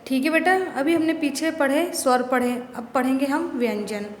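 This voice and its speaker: High-voiced woman teacher in an echoey room. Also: normal speed. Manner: asks questions and answers them herself, repeats "ठीक है ना". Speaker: school teacher. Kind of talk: classroom lesson on grammar. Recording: echoey room with long reverb, faint noise.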